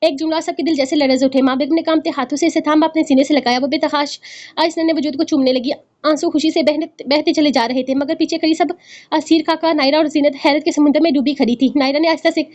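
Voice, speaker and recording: Fast-reading woman storyteller. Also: high-pitched, a little mellow. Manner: brisk reading with occasional restarts. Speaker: narrator of a serialized novel. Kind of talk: storybook narration. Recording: dull lo-fi recording.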